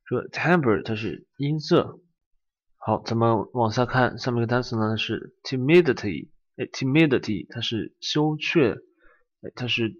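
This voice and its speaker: Guy teaching vocab, keeps saying "ai" between words, muffled lo-fi sound. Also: mid-range voice. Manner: repeats each word, starts lines with a filler "ai". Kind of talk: vocabulary lecture. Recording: dull lo-fi recording.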